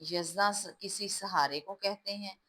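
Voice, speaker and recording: A woman's voice: mid-range voice, measured pace, fairly bright tone, rough recording. A woman teaching a class, patiently spelling out words letter by letter and explaining how each one is written. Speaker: Urdu teacher.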